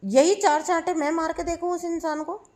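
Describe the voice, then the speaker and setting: A woman with a high, light voice delivers a spiritual advice monologue. She is insistent and repeats herself for emphasis, with English phrases mixed into her talk. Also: steady tone, normal speed, darkish tone. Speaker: spiritual channel host.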